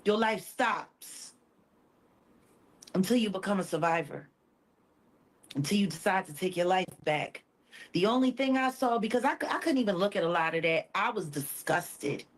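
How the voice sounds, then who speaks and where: A woman's voice: medium pitch, animated, moderate pace, pauses often. A woman talking as a podcast guest, blunt, emphatic and confrontational. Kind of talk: heated podcast conversation.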